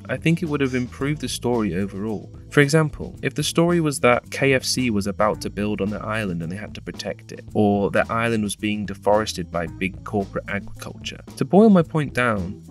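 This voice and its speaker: A young man narrating a scripted film review, with a sardonic, punning delivery. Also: lowish voice. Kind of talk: scripted video-essay narration.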